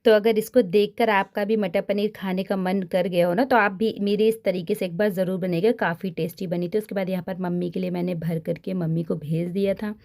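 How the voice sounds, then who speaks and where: A woman in her thirties narrates her home routine in a relaxed vlog voice-over. She sounds chatty and advisory, steps through each chore and stops to offer homely tips at a medium, natural pitch. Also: fairly quick, few pauses. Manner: chatty and advisory, often turning to tips for the viewer. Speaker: home vlogger.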